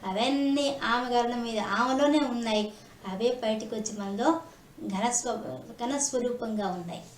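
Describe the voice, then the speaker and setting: A woman giving a devotional discourse, asking rhetorical questions and chanting verses slowly. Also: on the high side, echoey room, a little hiss or hum. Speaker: spiritual discourse speaker.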